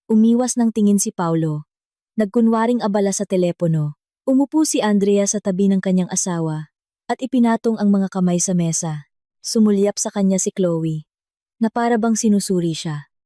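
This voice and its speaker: A woman narrating a drama story in a slow, even storytelling manner. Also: mid-range voice, dry recording, clean studio sound. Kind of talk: scripted narration.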